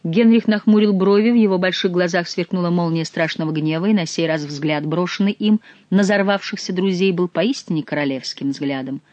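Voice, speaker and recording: A woman reads a historical novel aloud, telling it with expressive storytelling. Her voice sits fairly low and sounds close and dry. It is a steady audiobook narration. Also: brisk, hardly any pauses, no room sound, dull audio. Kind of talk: scripted narration.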